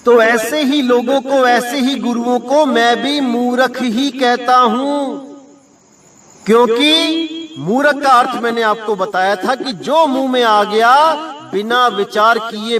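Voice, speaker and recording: A man giving a devotional sermon as a spiritual teacher. He chants verses slowly and then explains them, calling his listeners brother. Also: very high voice, fairly bright tone, recorded from a distance.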